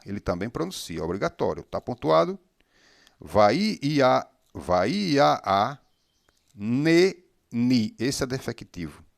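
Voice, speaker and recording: A man teaching Hebrew reading step by step. He is patient, sounds out syllables slowly and keeps checking in with the listener. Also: mid-range voice, creaky, no echo, studio quality.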